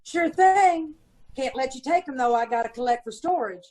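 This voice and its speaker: A woman with a high-pitched, darkish voice and lively intonation speaks at a moderate pace as a witness in a vintage radio police drama. Playing a gossipy, aggrieved middle-aged landlady who has five kids, she sounds grudging, with folksy, ungrammatical, indignant and self-pitying talk.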